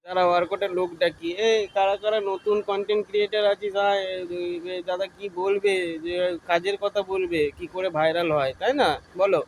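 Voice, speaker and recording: A man's voice: high voice, fairly even intonation, a little fast, slight background noise. A man, bantering and mocking a clip in an exasperated comic reaction. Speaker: content creator reacting to a clip.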